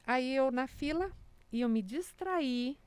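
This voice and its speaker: Mulher contadora animada, voz limpa e seca. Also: female voice, sits high, slow pace, clean tone, no echo. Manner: animated storyteller acting out quotes, many "né?" tags. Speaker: music teacher for small children, podcast guest. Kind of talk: casual storytelling chat.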